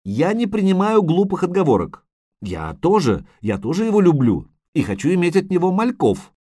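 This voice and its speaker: A man doing a capricious sea siren, high shrill singsong voice, lively swoops, dry sound, storybook reading. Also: moderate pace, no echo, full character voice. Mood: shrill, indignant.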